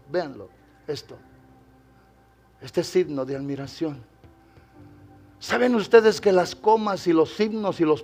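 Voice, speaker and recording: With a high-pitched voice, this preacher addresses the congregation directly, shifting from quiet, hushed moments to loud, exclaiming stretches of his sermon.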